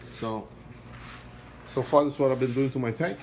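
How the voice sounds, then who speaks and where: Here the vlogger's voice is medium-pitched and warm, with a bit of hum on the phone recording. Standing beside his home aquarium, he keeps restarting and repeating himself in accented English, earnest and pleading as he gives his casual walkthrough.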